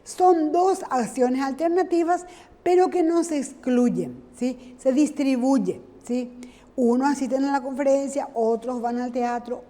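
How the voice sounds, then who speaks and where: A woman teacher, giving a grammar lesson in a slow, deliberate way and checking in with her class. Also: sits high, mellow, in a large hall.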